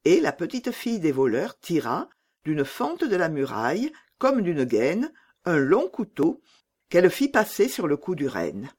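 A woman narrating a children's storybook with an expressive, lively reading. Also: low voice, a little slow, husky.

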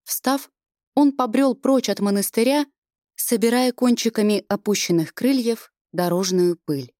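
A woman reading a fantasy novel aloud in measured, expressive scripted narration. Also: fairly high pitch, dry recording, clean studio sound. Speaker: audiobook reader.

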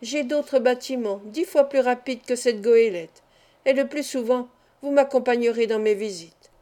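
A woman reading an audiobook, voicing a kind, serious middle-aged male doctor who speaks calmly and in a measured way. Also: fairly high pitch, natural voice. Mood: confident.

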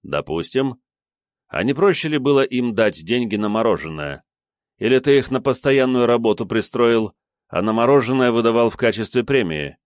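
A man voicing a calm, sly investigator who questions a suspect with ironic, coaxing remarks. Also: medium pitch, moderate pace, no echo, clean studio sound, pitched above the performer's own voice, close to an everyday voice. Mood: mocking.

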